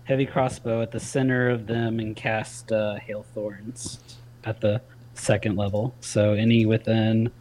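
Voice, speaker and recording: A man's voice: lowish voice, level tone, measured pace, darkish tone, a little hiss or hum, poor audio. A man playing a tabletop game, thinking aloud with fillers. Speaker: player. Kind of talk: casual tabletop play.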